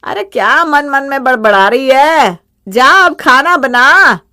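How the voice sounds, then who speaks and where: A bossy middle-aged mother-in-law scolds and commands in a loud, fairly high voice, as a woman voices her. She belongs to an animated family storybook, always ordering everyone around. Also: measured pace. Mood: scolding.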